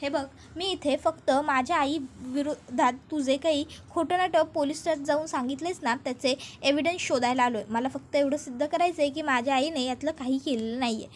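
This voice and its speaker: Brief: stubborn young hero, a woman storyteller doing him, insistent, plain high voice. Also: brisk, few pauses, a little hiss or hum, close to an everyday voice. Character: stubborn young man, proud, defending his mother.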